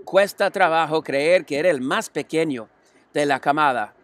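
A man's voice: a little high, normal speed, fairly bright tone, dry recording, natural voice. A man reading a storybook aloud, voicing a plain-spoken middle-aged farmer in a matter-of-fact tone. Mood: appraising.

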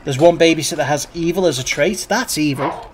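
A man's voice: a little high, fairly quick, slight background noise. A man streaming a life-sim game, giving wry, chatty commentary and swearing casually.

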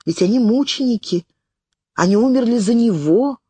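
A woman's voice: fairly high pitch, animated, moderate pace, warm tone, breathy edge, pitched above the performer's own voice. A woman reading an audiobook, voicing a terrified twenty-year-old girl who pleads frantically between sobs. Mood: frightened whisper.

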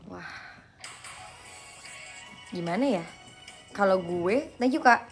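A young woman hosting a live stream, chatting casually and playfully with viewers and answering their questions in slang, quick to laugh at herself. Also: medium pitch, lively intonation, faint music behind. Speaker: livestream host.

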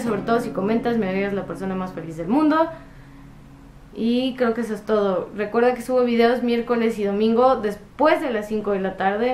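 A woman's voice: mid-range voice, slight background noise. A woman vlogger chatting casually to camera, giving advice in a friendly way full of fillers. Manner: chatty, warm advice with diminutives and frequent fillers. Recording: echoey room with guitar music.

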